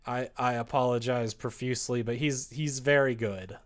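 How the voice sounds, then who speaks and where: Medium in pitch, steady in tone and moderate in pace, a man chats casually while writing and coding a visual novel on his live stream. He's playful, drops joking asides, and sometimes mumbles to himself.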